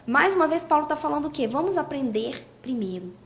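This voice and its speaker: A woman's voice: high voice, sing-song, a little fast. A young woman, a podcast guest explaining scripture and asking rhetorical questions. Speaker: guest speaker.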